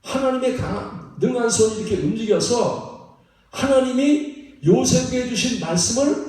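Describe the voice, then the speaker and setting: A man's voice: very high voice, lively intonation, moderate pace, darkish tone. A man preaching a sermon as pastor, asking the congregation questions and repeating phrases for emphasis. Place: church sanctuary. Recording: echoey sanctuary from far off.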